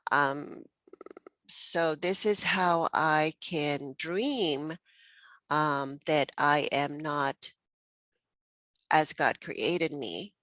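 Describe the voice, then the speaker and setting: A Mexican woman hosts a spiritual text study group, thinking aloud reflectively with many fillers and restarts and frequent easy laughs. Her voice is deep, bright and forceful. The recording is dry and rough.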